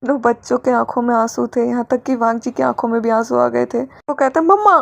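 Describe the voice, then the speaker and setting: A woman storyteller narrating fan fiction in a lively, dramatic reading. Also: a little high, brisk, vocal fry.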